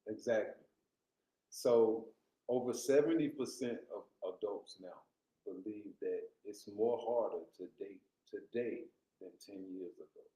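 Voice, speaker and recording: A man hosts a casual podcast interview, keeping things moving with questions and short affirmations. His voice is low and mellow, and the room around him echoes. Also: measured pace. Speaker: podcast host.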